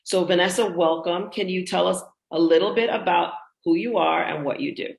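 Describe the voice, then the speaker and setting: A woman's voice: fairly low pitch, normal speed, gravelly, roomy sound, low-quality recording. A woman hosting an interview show, friendly, with short affirmations. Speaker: podcast host, HR consultant.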